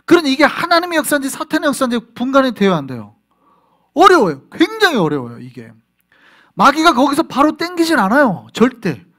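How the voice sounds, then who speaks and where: A male pastor delivering a Sunday sermon with a high, bright-pitched voice. His delivery is lively and animated, with pitch leaping and dropping as he acts out little scenes. He keeps drawing the congregation in with rhetorical questions. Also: a little fast.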